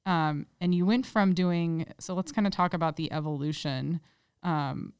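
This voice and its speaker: An effusive woman hosts a casual interview, gushing and laughing as she asks questions. Her voice is smooth and resonant, pitched a touch low. The sound is dry and close. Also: moderate pace, a little mellow, no room sound. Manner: enthusiastic, giggly, effusive. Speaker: interviewer, host.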